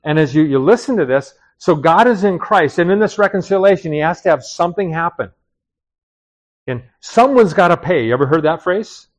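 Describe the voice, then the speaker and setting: A middle-aged man preaching a sermon in a conversational way, often checking in with his listeners with quick asides and questions. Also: a little high, lively intonation. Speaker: pastor.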